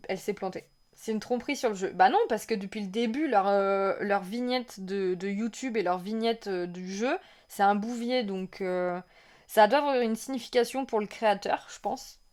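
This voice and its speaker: A medium-pitched woman streams a casual reaction to a game trailer. She rambles excitedly, chatting with viewers and reading their messages out loud.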